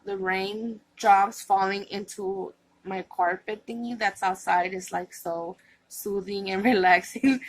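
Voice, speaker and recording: A woman from California vlogs to her viewers in a rambling casual chat, with many fillers and restarts, and she sounds tired. Her voice is a little high and a bit bright, and the recording is rough.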